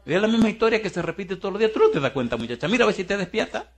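Animated male preacher, booming then hushed. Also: rapid-fire. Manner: rhetorical questions, folksy and teasing; swings between booming and hushed. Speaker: pastor. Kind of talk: sermon.

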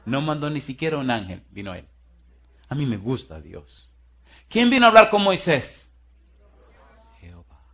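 A man's voice: very animated, normal speed, pauses often. A man preaching a sermon as pastor, firing rhetorical questions at the congregation in a folksy, teasing way. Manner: swings between booming and hushed.

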